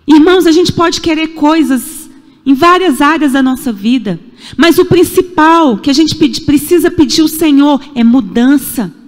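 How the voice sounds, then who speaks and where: In an echoey church hall, a Brazilian woman in her forties preaches a sermon from the sanctuary with a Brazilian Portuguese accent. Her voice sits high and moves at a moderate pace, and she is emphatic and repetitive, throwing in rhetorical questions.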